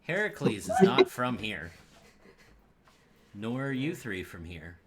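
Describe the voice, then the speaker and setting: A man voicing a mysterious, chain-smoking woman in a tabletop game, speaking low and measured. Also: big pitch swings. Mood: grave. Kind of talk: tabletop role-play voicing.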